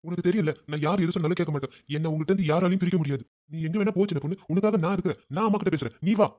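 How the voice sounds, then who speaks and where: A voice actor playing a meek, soft-hearted young husband in a cartoon family drama. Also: medium pitch, racing, close to an everyday voice. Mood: pleading. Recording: tinny phone-like lo-fi sound.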